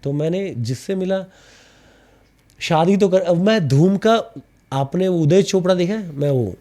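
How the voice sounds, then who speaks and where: A man, an actor, telling lively anecdotes in a casual podcast interview, with a slight stammer and English phrases mixed in. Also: sits high, measured pace.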